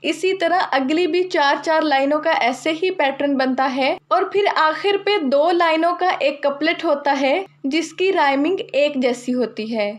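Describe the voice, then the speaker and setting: A young woman with a high, light voice gives a literature lesson. She explains steadily and methodically, restating each new term in simpler words for her students. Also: unhurried, few pauses. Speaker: literature teacher. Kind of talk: explanatory lecture.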